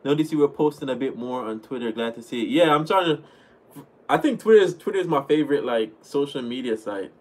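A Jamaican man in his twenties with a Jamaican accent hosts a casual livestream from a small room at home, reading and answering viewers' chat through a desk webcam. His medium-pitched voice is brisk, and he stays relaxed and chatty, often thanking viewers.

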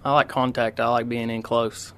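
A teenage boy answers a radio interviewer, polite and hesitant, pausing often on ums and uhs. His voice is smooth and clear but stays flat, with little rise or fall. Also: mid-range voice. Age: teens. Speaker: high school quarterback guest. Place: radio studio.

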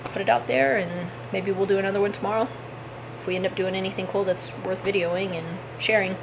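A woman in her thirties talks loosely to a handheld camera, drifting through fillers and restarts as she plans her day. City traffic hums clearly behind her voice. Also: medium pitch, brisk. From Texas. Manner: relaxed, rambling, with fillers and restarts. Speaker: vlogger. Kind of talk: casual travel vlog chat. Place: outdoors in city streets and train station, later a hotel room. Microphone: handheld camera at arm's length. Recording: street and traffic noise behind.

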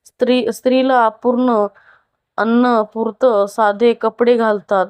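A woman voicing a wealthy, lonely, unhappy middle-aged wife who confides slowly and from the heart in a storybook tale. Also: a little high, little pitch movement, darkish tone, clean tone, dry recording. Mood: bitter confiding.

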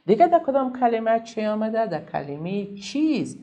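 A young woman with an Afghan Dari accent teaches a literacy lesson, asking questions and answering them herself. Her pitch swings widely while her tone stays mellow and soft-edged. She slows down to stretch out each letter sound. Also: sing-song, highs cut off.

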